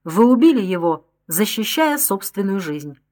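Lady reading a calm doctor guy, low and soothing, storybook. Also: normal speed, lightly acted. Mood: grave. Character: calm protective male doctor, grave.

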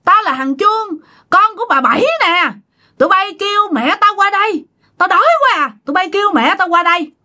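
A woman's voice: very high-pitched, animated, fairly quick, pushed and bright, pitched above the performer's own voice, full character voice. A woman with a Southern Vietnamese accent voicing the wailing, pleading ghost of a young man who has possessed a villager. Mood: demanding.

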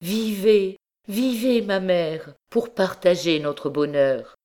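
A woman's voice: fairly low pitch, slow, warm tone, pitched above the performer's own voice. A woman voicing a brave young woman who pleads urgently and comforts tenderly.

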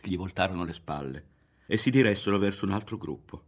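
A man narrating a literary novel in a dramatic, expressive reading with voiced characters. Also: low voice, fairly quick, husky. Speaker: audiobook reader.

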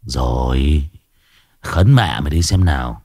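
A man voicing a sick, gruff older brother who coughs and groans. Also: very deep voice, expressive, takes it slowly, darkish tone, no echo, clean studio sound, voice pushed down, exaggerated voice. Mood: sick grumbling.

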